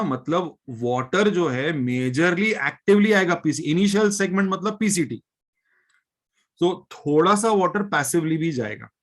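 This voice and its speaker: A male biology teacher with an Indian accent, lecturing a live class, mixing Hindi and English and often checking that students follow. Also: fairly high pitch. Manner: reads textbook lines slowly, then explains them.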